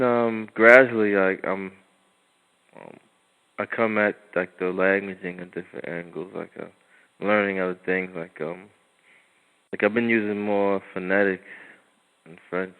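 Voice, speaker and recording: A man's voice: fairly low pitch, measured pace, pauses often. A man in casual conversation who talks hesitantly, filling gaps with 'like' and 'um'. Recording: tinny phone line.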